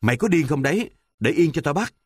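A man voicing a brash, bossy village boy who scolds loudly and boasts. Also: on the low side, big pitch swings, moderate pace, no echo, clean studio sound. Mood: scolding bossy.

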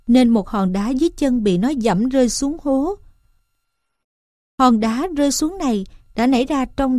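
A woman reading a children's story aloud in a calm, steady narrating voice. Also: high voice, no room sound, studio quality.

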